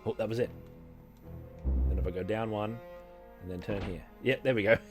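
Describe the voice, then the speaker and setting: A man's voice: lowish voice, steady tone, moderate pace, over music. A man with an Australian accent chatting casually and rambling with jokes while live-streaming a game. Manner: rambling, joking, chatting with viewers.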